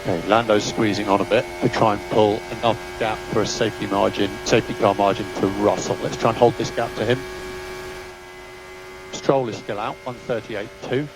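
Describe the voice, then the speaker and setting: Over noisy team radio with engine and vehicle hum behind him, a race engineer delivers terse technical instructions and updates. His voice is on the low side, steady in tone and brisk, and his clipped delivery is businesslike.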